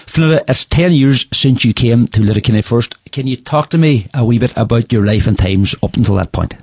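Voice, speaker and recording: A man asks conversational interview questions. His voice is husky and of medium pitch. The sound is dry, with little room around it. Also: a little fast, a little mellow, no room sound. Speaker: radio interviewer.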